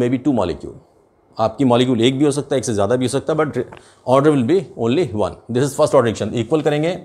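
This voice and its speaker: The speaker is an older man with an Indian accent whose medium-pitched voice carries a darkish tone. He works through a chemistry lesson at the board, moving deliberately and slowly between Hindi and English.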